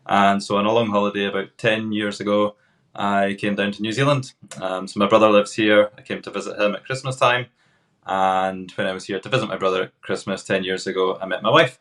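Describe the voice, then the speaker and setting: A Scottish man from Glasgow in his thirties, a guest chatting casually in an interview, relaxed with hesitant pauses. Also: lowish voice. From Scotland, Glasgow. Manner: relaxed, unhurried, frequent hesitant fillers. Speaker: podcast guest, tour guide.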